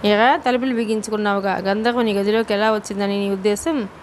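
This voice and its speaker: A woman's voice: medium pitch, fairly even intonation, fast, slight background noise, close to an everyday voice. A woman reading the part of a stern middle-aged mother who scolds her son. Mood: scolding. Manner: scolding, firm.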